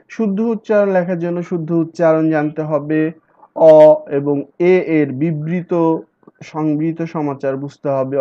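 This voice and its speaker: A man teaching an online class, stretching words out slowly when he models pronunciation. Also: fairly high pitch, darkish tone. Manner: slow drawn-out syllables when modeling pronunciation. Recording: dull lo-fi recording.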